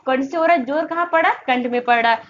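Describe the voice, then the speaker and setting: A high-pitched woman teaches Hindi grammar. She asks questions over and over and stretches the vowel sounds to demonstrate them. The recording is slightly dull and lo-fi, with a faint hiss behind her. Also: quick pace. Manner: repetitive call-and-response questioning. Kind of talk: exam-prep grammar lesson.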